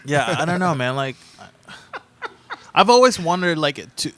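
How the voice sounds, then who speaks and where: A man's voice: on the high side, very animated, measured pace, fairly bright tone. A man who plays in a band, chatting as a guest in a studio in a laid-back, rambling way, with plenty of swearing. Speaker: podcast guest, musician. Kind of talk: casual chat. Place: recording studio.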